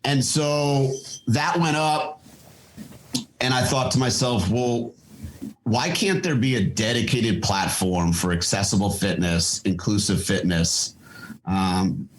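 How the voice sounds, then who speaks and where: A middle-aged man with a somewhat low voice talks casually as a podcast guest. He thinks out loud, with frequent fillers and restarts. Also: slow, a little hiss or hum, poor audio. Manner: thoughtful, lots of fillers and restarts. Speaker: podcast guest, fitness company founder. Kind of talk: casual interview talk.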